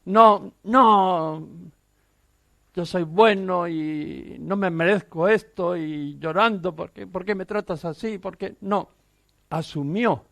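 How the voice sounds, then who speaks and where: A man's voice: high-pitched, dry recording. A man from Spain, a pastor, preaching a sermon in an earnest, emphatic way, full of rhetorical questions. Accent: Peninsular Spanish.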